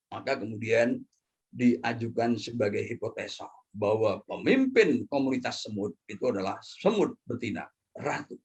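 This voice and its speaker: A middle-aged man gives a lively lecture as a professor. He asks and answers his own questions in a playful way and drops in Arabic terms and phrases. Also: medium pitch, husky.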